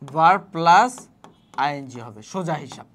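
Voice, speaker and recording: A woman's voice: sits low, animated, measured pace, fairly bright tone. Woman tutor explaining step by step. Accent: Bangladeshi Bengali. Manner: explains step by step, often asks "ঠিক আছে?"; spells words out syllable by syllable. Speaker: admission test English tutor. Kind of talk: exam prep lesson.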